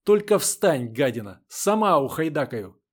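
A man reading the part of a fierce young woman who shouts and swears through tears. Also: fairly high pitch, very animated, a little slow, voice pushed up. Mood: angry. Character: fierce tough young woman, crying and cursing.

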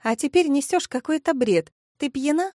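A woman doing a shrill, gushing young woman. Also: animated, normal speed, darkish tone, dry recording, clean studio sound. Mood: indignant. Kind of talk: audiobook character voice.

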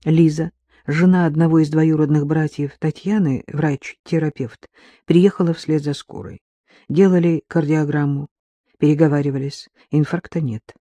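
Husky, mellow woman narrating a novel. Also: deep voice, steady tone, no room sound. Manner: measured, emotional, slowing on key phrases. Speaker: audiobook narrator. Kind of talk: expressive literary narration.

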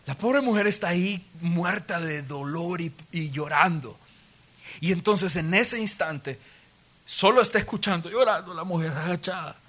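Male pastor, sermon, animated storytelling, high bright voice. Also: normal speed. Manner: animated storytelling, vivid and expressive.

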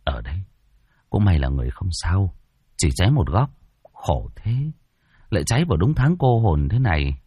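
A man voicing a wary townsman speaking in a low, hesitant hush. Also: big pitch swings, normal speed, pauses often, husky, dry recording, heavily acted. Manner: hushed, hesitant. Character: wary superstitious townsman, hushed.

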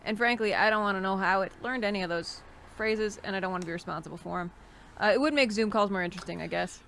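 A woman on a panel chatting casually, reasoning things through in a dry, measured way. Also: mid-range voice, gravelly, a bit bright, slight background noise. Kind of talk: casual comedic chat.

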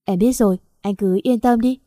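Woman reading rough young man, impatient, snappy, bossy, storybook, warm dry voice. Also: mid-range voice, normal speed, dry recording, lightly acted.

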